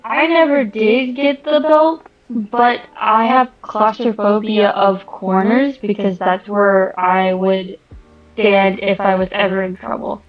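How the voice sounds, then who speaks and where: A young woman reading a story aloud slowly and chatting casually as a guest. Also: medium pitch, steady tone. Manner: slow, measured reading. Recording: dull lo-fi mic with music behind.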